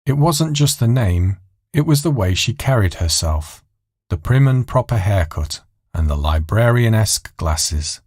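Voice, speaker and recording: A male narrator reads a scripted story. His voice sits on the low side and moves expressively up and down, captured close and dry. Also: lively intonation, unhurried, a little mellow, slightly rough, dry recording.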